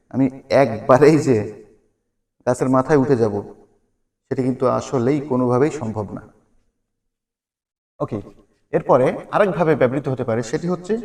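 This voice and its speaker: A man teaching a spoken English lesson, patiently repeating example sentences slowly. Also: a little high, a little mellow.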